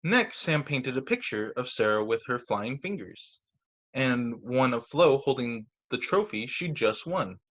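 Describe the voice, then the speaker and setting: This man speaks in a mid-range voice and takes his time, reading picture books to children as their teacher. Heard through a video call, he gives the quoted lines a performance and makes offhand comments on the artwork.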